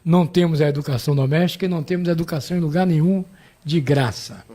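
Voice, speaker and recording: A man's voice: a little high, fast, warm tone. A man hosting a live radio interview, chatting and chiming in with the guest. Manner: conversational, chiming in with agreement. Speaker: radio host.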